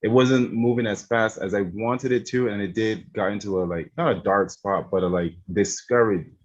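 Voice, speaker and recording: A man's voice: fairly low pitch, moderate pace, lo-fi sound. A man from Barbados, a gaming streamer, chatting casually in an interview, laid-back and laughing often. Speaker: streamer guest.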